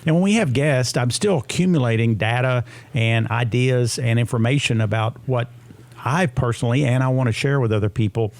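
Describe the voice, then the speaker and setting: Male health-radio host, sixties, creaky gravelly voice, casual talk, close dry sound. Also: mid-range voice, a little fast, a little mellow, dry recording.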